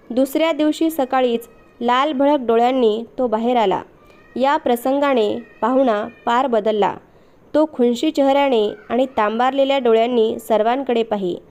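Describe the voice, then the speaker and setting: A woman reading a short story aloud as a storyteller, in a steady, expressive storybook manner. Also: a little high, clean tone.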